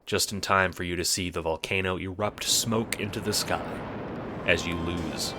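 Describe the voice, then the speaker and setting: A male narrator and producer, his voice sitting low, pushed and bright, with fairly even intonation and a moderate pace, dramatically relates a scripted story addressed to the listener. Music plays under him along with slight background noise.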